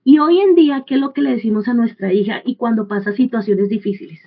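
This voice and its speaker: Woman preacher, earnest teacher, fairly high voice, heard through thin phone-like audio. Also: quick pace. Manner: earnest, with frequent restarts and rhetorical questions. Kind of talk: sermon teaching. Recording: tinny phone-like sound.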